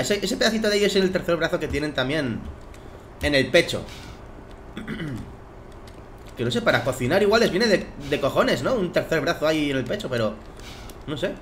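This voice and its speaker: A young man with a Spain Spanish accent, slightly hoarse from just waking, giving excitable let's play commentary full of swearing and laughter. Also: a little high, a little hiss or hum. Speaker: gaming commentator. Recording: game music behind.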